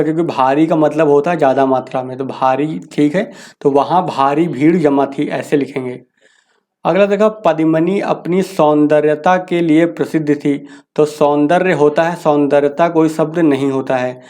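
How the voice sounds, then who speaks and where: A man teaching a grammar lesson, reading each sentence slowly and then explaining the correction casually. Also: on the high side, a little mellow.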